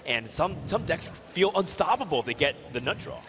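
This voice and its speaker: A man casting a card game match, giving energetic, quick analysis. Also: a little high, a little hiss or hum. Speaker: esports caster. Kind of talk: play-by-play commentary.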